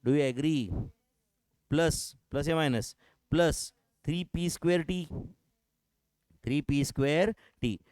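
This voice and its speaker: A man leads a classroom maths lecture, firing rhetorical questions at his students and slowing to dictate each term. His voice sits fairly high but sounds mellow and soft-edged. The recording is dry and close, with no room echo. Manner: slows right down to dictate English terms. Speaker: maths teacher.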